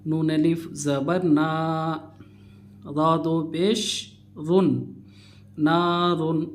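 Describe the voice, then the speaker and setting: A man teaching Quran reading. He spells out letters and vowels slowly, then explains the rules quickly. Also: a little high. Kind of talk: slow spelled-out recitation lesson.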